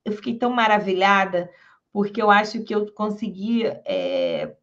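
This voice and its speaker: A woman, a public defender, giving a lecture and telling stories from her career in a lively way, acting out the people she quotes, with a Rio de Janeiro accent. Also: medium pitch, normal speed. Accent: Rio de Janeiro Portuguese. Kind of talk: storytelling lecture. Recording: dull lo-fi sound.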